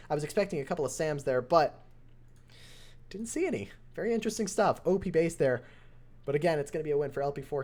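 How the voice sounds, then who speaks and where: Calling a mobile strategy game match live, a young esports caster and streamer gets hoarse as his excited commentary climbs to near shouts during close finishes. His voice is a little high.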